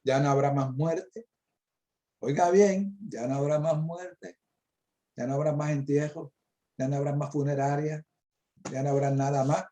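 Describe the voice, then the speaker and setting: Give me a middle-aged man with a dark, relaxed voice leading a Bible talk and quoting verses. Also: on the high side, normal speed, long pauses. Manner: preacherly, quotes scripture and stresses key words. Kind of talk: Bible discussion.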